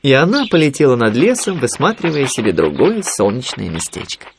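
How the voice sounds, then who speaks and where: A man narrating a children's story in an expressive storytelling manner. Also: mid-range voice, brisk, creaky, slight background noise.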